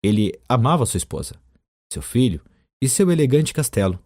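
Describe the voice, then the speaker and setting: Warm-voiced male audiobook narrator. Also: medium pitch, no room sound, studio quality. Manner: calm, measured storytelling. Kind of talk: scripted narration.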